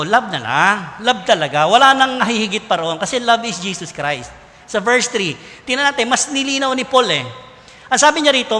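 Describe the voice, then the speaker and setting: A man with a Filipino accent preaching a sermon in a lively, conversational way, mixing in English. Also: very high-pitched. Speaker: pastor. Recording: long hall reverb.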